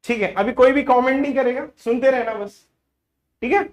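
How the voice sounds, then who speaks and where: A man's voice: very high voice, normal speed, highs cut off. A man teaching a math class who keeps telling the students to stop commenting and listen, moving between Hindi and English in a casual, teasing way. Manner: keeps hushing the class and asking them to listen; switches between Hindi and English mid-lesson. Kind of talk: classroom lecture.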